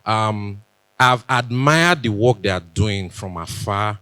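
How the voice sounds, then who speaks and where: A man's voice: lowish voice, lively intonation, slow pace, sharp tone, clean tone, no room sound. A young Nigerian man with a Benin accent gives a chatty conference talk, joking and dropping into pidgin asides. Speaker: conference speaker. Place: conference stage.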